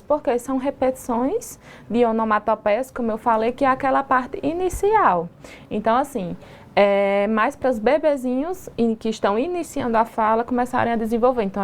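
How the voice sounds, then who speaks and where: A woman speech therapist with a Brazilian Portuguese accent, explaining patiently in a TV studio interview and asking rhetorical questions. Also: a little high.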